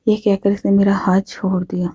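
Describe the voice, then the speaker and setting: A woman calmly narrating a first-person story in an even storytelling manner, recorded close on a dry mic. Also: mid-range voice, slightly rough, no echo. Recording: dull lo-fi audio.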